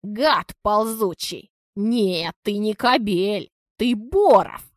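A woman's voice: mid-range voice, expressive, slow pace, no echo, clean studio sound. A woman reading an audiobook, voicing an enraged older wife who screams insults. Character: furious older woman, shrill, hot-tempered.

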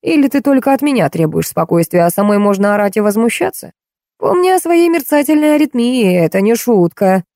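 A grumbling, scornful man who has had a glass too many, picking at everything in a raised, sour voice, as a woman reads him in an audiobook. The tone is mellow and dark, and the recording is close and dry. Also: a little high, animated, a little fast, no echo, voice pushed up. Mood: mocking. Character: irritable tipsy middle-aged man, grumbling.

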